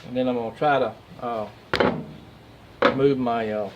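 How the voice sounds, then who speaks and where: A man's voice: mid-range voice, steady tone, measured pace, dull audio. A man with a Southern US accent giving a casual, plain-spoken, hands-on workshop tutorial as a craftsman. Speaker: craftsman demonstrating duck call making. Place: workshop at a lathe. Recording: loud machinery and workshop noise.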